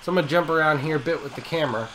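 A man's voice: fairly high pitch, rapid-fire, slight background noise, rough recording. Nasal-sounding man narrating a shop build. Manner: casual, relaxed explaining with fillers and restarts. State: head cold, nasal. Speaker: metal fabrication channel host.

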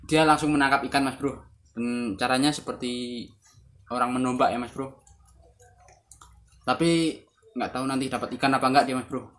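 A reaction video host in his twenties gives laid-back, casual commentary in a small room, close to a phone camera, constantly calling his viewers bro. His mid-range voice has fairly even intonation, a moderate pace and long pauses, with loud background noise.

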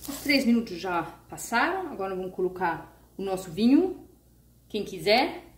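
With big pitch swings in her medium-pitched voice and a normal speaking speed, a vegan cooking channel host talks through a recipe step by step from her home kitchen. Her casual tutorial is chatty and homey, with diminutives and fillers, and the sound is roomy with a little hiss or hum.

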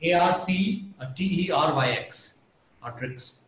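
A middle-aged man with a slightly high voice gives halting interview answers. He is on a video call in an echoey room. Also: fairly bright tone. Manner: hesitant, halting. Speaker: company co-founder, interview guest.

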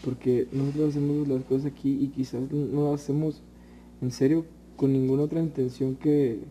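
A man's voice: medium pitch, little pitch movement, moderate pace, warm tone, slight background noise. A young man with a Mexican accent, a reality show contestant talking hesitantly with many fillers in casual chat. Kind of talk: casual chat among housemates.

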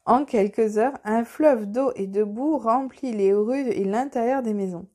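A woman reads a children's storybook aloud, gentle and expressive. Her voice sits a little high but sounds soft and mellow rather than bright. The pacing suits a bedtime tale. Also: a little slow. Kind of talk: children's audiobook narration.

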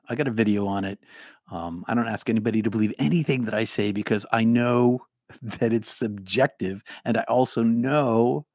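A middle-aged man from the Boston area hosts a live stream in a loose, rambling chat, stopping to thank viewers by name. His voice sits low and has a husky edge. The sound is dry and close, with little room around it. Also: darkish tone, no echo. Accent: trained-out Boston, mostly neutral American. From Boston area, United States. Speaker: livestream host and former minister. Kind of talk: casual livestream chat.

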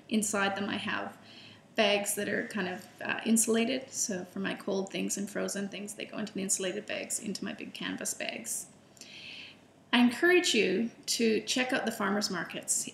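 In an echoey room with slight background noise, a middle-aged woman with a mid-range voice tells a personal story to camera. She's an illustrator and food vlogger, chatty and enthusiastic, with fillers and restarts.

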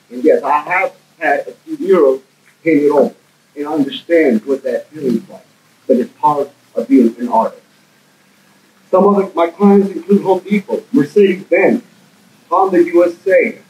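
A man from Guatemala, a muralist, giving remarks to a crowd in an outdoor park plaza with some soft ambient noise. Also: fairly high pitch, low-quality recording.

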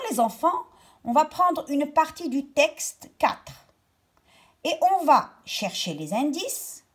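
A woman teaching a grammar lesson to young children, spelling things out slowly and with care. Her fairly high voice rises and falls a lot as she guides them word by word. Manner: slow, careful, over-articulated explanation.

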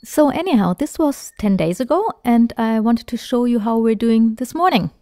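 A woman's voice: a little high, animated, normal speed, warm tone, dry recording, studio quality. A woman talking as a parrot trainer in a chatty, enthusiastic voice-over, with small fillers. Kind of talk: instructional voice-over narration.

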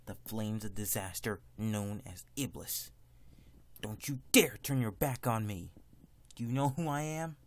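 A man's voice: lowish voice, measured pace. A man voicing an earnest, defiant young hedgehog hero in a dramatic, declamatory amateur game-character performance. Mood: grave.

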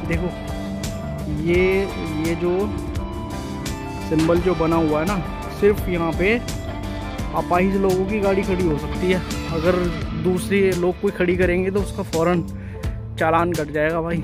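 Chatty high-voiced man vlogging outdoors. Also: fairly even intonation, a little slow, long pauses. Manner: chatty, addresses viewers as brother. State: tired from walking. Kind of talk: casual walking vlog. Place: outdoors on city streets. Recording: music playing over voice.

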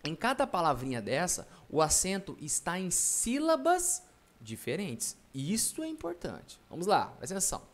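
A man's voice: high-pitched, wildly swooping pitch, normal speed. A male teacher giving an online video lesson, chatty and playful, talking straight to the viewer.

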